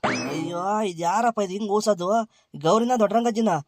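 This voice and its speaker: A man's voice: sits high, fairly quick, background noise, close to an everyday voice. A man voicing an older village man in a cartoon, soothing and plain-spoken. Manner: soothing, plain rural talk. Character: elderly village man, consoling mourners.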